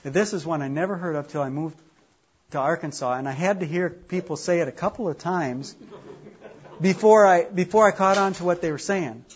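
On a muffled recording, a man from Minnesota runs a casual group teaching session, chatting and poking fun at himself in his Minnesota accent. He speaks fairly quickly in a slightly rough voice pitched on the high side.

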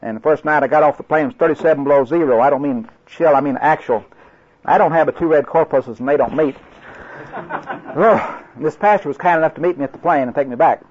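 An older man from Oklahoma, an evangelistic crusade class instructor, gives a folksy, joke-filled training talk to class instructors in his Oklahoma drawl, storytelling and rambling through anecdotes with many restarts. His voice is a little high, fast and darkish with a breathy edge, on a dull lo-fi recording.

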